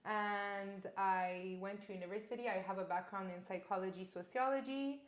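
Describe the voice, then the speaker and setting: A woman's voice: medium pitch, fairly even intonation, moderate pace. Young Canadian woman, echoey room. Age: young adult. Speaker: interview guest. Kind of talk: casual interview conversation. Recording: roomy echo.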